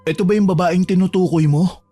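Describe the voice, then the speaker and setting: A man voicing a calm, protective gardener who reassures a trapped girl in a horror drama. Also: brisk. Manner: calm, reassuring, low-key. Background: faint music.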